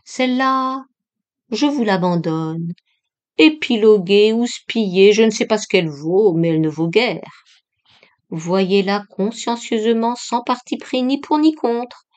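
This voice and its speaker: Woman, audiobook reader, middle pitch, earnest and measured diary reading. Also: a little mellow.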